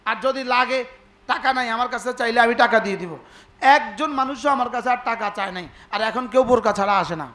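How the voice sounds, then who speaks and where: A man's voice: extremely high pitch, brisk, bright, forceful tone. A man preaching a sermon, asking the crowd rhetorical questions and acting out dialogues. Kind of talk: Islamic sermon (waz).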